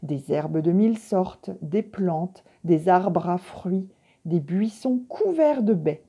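A woman teacher reading a storybook aloud to pupils in a calm, measured way. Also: fairly low pitch, husky.

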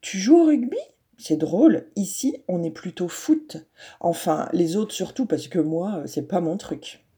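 A woman's voice: lowish voice, a little slow. A woman voicing a small, skinny, chatty schoolboy in a read-aloud storybook. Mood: curious. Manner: lively, chatty.

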